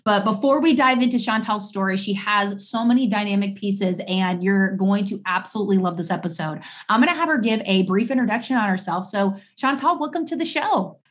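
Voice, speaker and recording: A woman's voice: medium pitch, brisk, few pauses. A woman hosting a podcast interview, talking in a bubbly, enthusiastic way. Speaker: podcast host.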